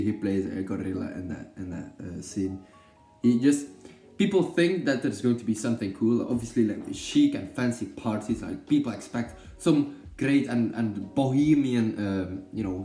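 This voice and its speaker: A young film vlogger from Belgium, Dutch being his first language, meanders through a casual movie chat full of fillers, restarts and jokes. His voice is medium in pitch and dark in tone, heard in a roomy space.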